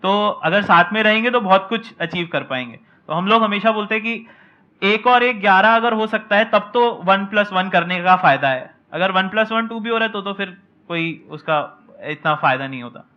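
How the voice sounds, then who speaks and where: A man speaking in a measured, explanatory way as a business co-founder on a discussion panel, mixing English words into Hindi. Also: high-pitched, highs cut off. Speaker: co-founder of an online coaching channel. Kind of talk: conversational panel talk.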